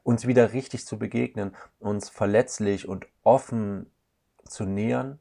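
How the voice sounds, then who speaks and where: A man's voice: lowish voice, fairly even intonation, measured pace, creaky, mellow. A man speaking as a couples counselor guest, in a thoughtful, searching way with frequent hesitations. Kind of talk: reflective podcast conversation.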